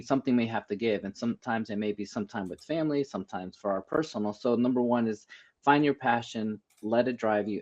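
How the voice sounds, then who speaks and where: A man's voice: mid-range voice, darkish tone, lo-fi sound. A man on a podcast giving motivational advice about following your passion. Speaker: co-host, tech executive. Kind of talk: podcast discussion.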